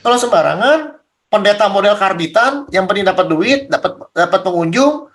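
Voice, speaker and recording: High-voiced man teaching bluntly. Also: lively intonation, normal speed, a bit bright. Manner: blunt, colloquial, fires rhetorical questions. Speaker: pastor leading a Bible study. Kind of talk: casual Bible study teaching.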